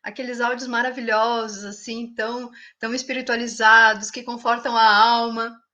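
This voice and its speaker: Bright high-voiced Brazilian woman chatting. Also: normal speed, muffled recording. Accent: Brazilian Portuguese. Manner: animated storytelling, frequent laughs. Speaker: co-host. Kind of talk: casual live chat.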